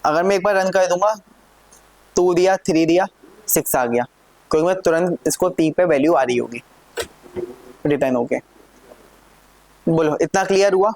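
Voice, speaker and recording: A man teaching a live programming lesson, talking through code step by step and often asking his students whether it is clear. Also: fairly high pitch, moderate pace, pauses often, a little mellow, dry recording. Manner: checks in often with questions to students. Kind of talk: live classroom coding lesson.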